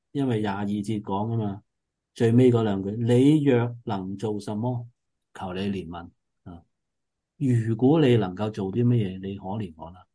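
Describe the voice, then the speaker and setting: A man preaching in an earnest, explanatory way as he leads a Bible study, often stopping on drawn-out filler sounds. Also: fairly low pitch, dark tone, breathy edge. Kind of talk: Bible teaching sermon.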